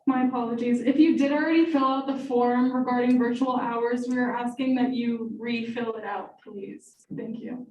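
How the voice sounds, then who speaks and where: Woman running the meeting, high voice, polite and quick, echoey and muffled. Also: fairly even intonation. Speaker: meeting chair. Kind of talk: chairing a meeting. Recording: muffled, echoey, distant mic, faint noise.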